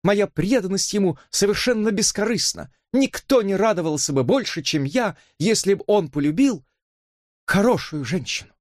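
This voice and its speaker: An earnest, anxious young woman with a tense, trembling voice, as a male audiobook reader plays her. She pleads in a raised register with lively rises and falls. The reading is close and dry. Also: high-pitched, normal speed, no echo, pitched above the performer's own voice. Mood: pleading.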